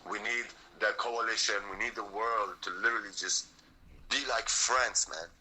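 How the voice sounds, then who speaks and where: Intense, forceful young man from Sweden. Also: fairly low pitch, fairly even intonation, normal speed, a little hiss or hum, low-quality recording. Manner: intense, blunt and profane, peppers speech with "man" and "bro". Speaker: guest, frontline militia fighter. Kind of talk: impassioned interview talk.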